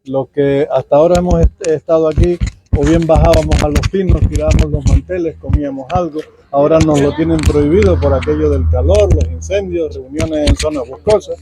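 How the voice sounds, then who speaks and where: Guy hosting, homely chat to guests, slightly high voice, lots of noise behind. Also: a little fast. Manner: homely, informal addressing of the audience. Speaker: event organizer for a cultural association. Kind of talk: closing remarks to guests. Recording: noisy background.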